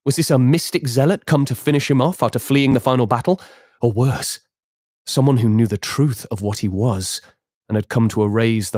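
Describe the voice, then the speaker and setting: A man narrating a game epilogue as game master, with measured, dramatic storytelling. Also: mid-range voice, darkish tone, husky, no echo, studio quality.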